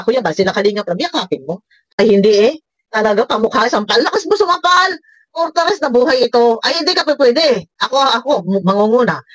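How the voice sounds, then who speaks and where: A woman's voice: mid-range voice, no echo. A woman reacting to a clip, scolding and mocking its speaker with frequent laughs. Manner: scolding, sarcastic, laughs often. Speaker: reaction vlogger. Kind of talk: reaction commentary.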